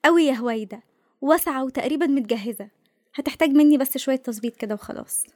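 A woman acts a lively, independent young Egyptian woman in a radio play. Her voice is high and extremely quick, recorded very dry. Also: no echo, natural voice. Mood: affectionate. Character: lively, sardonic, self-reliant young woman photographer. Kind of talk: radio drama acting.

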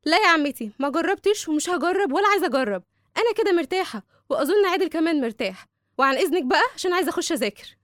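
A woman's voice: extremely high pitch, expressive, rapid-fire, fairly bright tone, dry recording, studio quality. A woman with an Egyptian accent playing a strong-willed teenage schoolgirl in a drama, firm, sassy and emphatic. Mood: fed-up, firm. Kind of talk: dramatic dialogue.

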